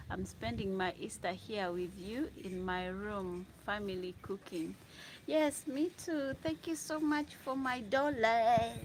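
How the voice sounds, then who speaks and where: A woman's voice: medium pitch, noisy background. A Ugandan woman hosting a casual livestream from her room, chatting with viewers, reading out their comments and laughing often. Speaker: livestream host. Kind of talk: casual live chat with viewers.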